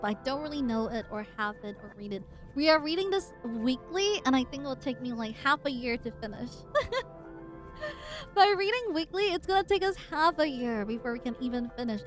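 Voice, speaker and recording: Cute bubbly girl streamer, woman w high voice, chatting n reading out loud, bit of music in back. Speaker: livestreamer hosting a weekly read-along. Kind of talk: casual livestream chat and reading aloud.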